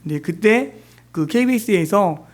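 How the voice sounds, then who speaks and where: High-voiced man preaching conversationally. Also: lively intonation, moderate pace. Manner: conversational preaching with many rhetorical questions and fillers. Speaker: pastor. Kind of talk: sermon. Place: church.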